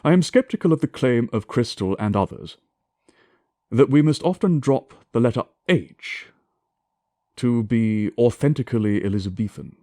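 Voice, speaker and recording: A man giving a scripted scholarly lecture in a formal, deliberate, declamatory way, with emphatic enunciation and touches of reconstructed Shakespearean English pronunciation. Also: medium pitch, animated, warm tone, no room sound, studio quality.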